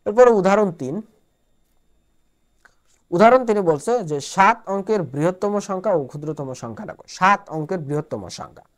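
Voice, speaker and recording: Woman math tutor, lower voice, rising and falling a lot, repeats each step, checks understanding. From Bangladesh. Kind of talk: board-work math lesson.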